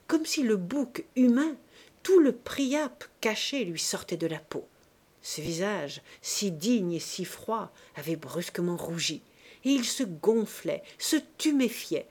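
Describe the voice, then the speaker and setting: A woman reading a classic novel aloud as an audiobook narrator, expressive and dramatic, dropping to softer passages. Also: fairly low pitch. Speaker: audiobook reader. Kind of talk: scripted narration.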